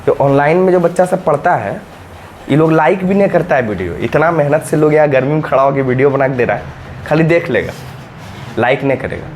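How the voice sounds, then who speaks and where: A man's voice: on the high side, lively intonation, a little fast, a little mellow, slight background noise. A male maths teacher, teaching a class in a classroom and coaxing students by checking again and again whether they follow. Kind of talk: classroom lesson at a whiteboard. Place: classroom, recorded in summer heat.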